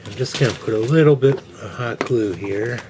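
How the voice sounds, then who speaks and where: A man's voice: mid-range voice, moderate pace, background noise. A man casually narrating an electronics repair in a wry, self-mocking way. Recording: background music under voice.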